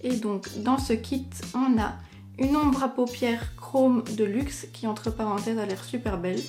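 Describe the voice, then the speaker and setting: A woman's voice: a little high, a little slow, a little mellow, soft background music. A young woman, chatting casually as a beauty vlogger and filling her talk with little fillers. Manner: chatty, many fillers like "donc" and "ben". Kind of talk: casual chat.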